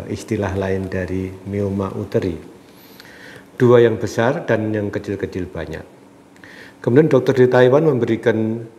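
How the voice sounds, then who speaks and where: Speaking as a physician, a man with a deep, cold-stuffed and slightly nasal voice answers health questions from his audience in a measured, unhurried way. The recording carries some echo and low background noise.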